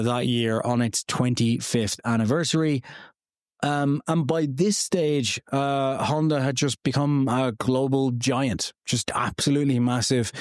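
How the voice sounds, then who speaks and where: Man, thirties, podcast host, casual storytelling, rambling with fillers, mid-pitched, dry recording. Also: a little mellow, clear, resonant tone, no echo. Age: 30s. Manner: rambling, lots of "like" and "uh" fillers, personal asides. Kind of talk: casual history narration.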